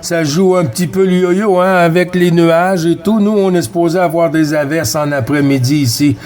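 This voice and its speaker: A CB radio operator from Quebec swaps callsigns in a relaxed, friendly way, calling others "friend" in his Québécois French accent. His voice is fairly high yet darkish, with a steady tone and moderate pace.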